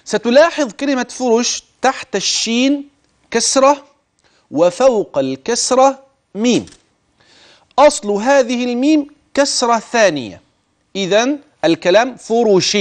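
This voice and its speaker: A man teaching the rules of Quran recitation. He speaks straight to the listener, urges attention, and slowly stretches words to demonstrate how they should be pronounced. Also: very high-pitched, sing-song. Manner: addresses the listener directly, urging attention. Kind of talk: tajweed lesson with recited examples.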